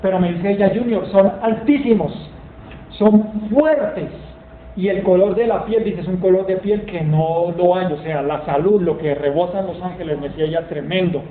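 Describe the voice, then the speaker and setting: A man delivers a sermon with emphatic storytelling, reading scripture passages aloud in a high voice. The sound is thin and phone-like, bouncing around a roomy church hall with a faint hiss behind it. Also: steady tone, a little fast, hardly any pauses. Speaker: preacher.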